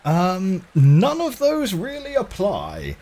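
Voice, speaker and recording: A man narrates his video game playthrough in a casual, wry way. His pitch moves in lively swings while he takes his time, with faint music underneath. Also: slow. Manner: wry, musing aloud to himself. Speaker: gamer.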